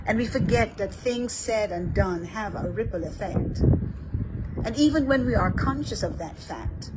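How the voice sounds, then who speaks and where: Woman priest, measured reflective delivery, steady noise behind. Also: mid-range voice. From Barbados. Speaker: Episcopal priest. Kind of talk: scripted reflection.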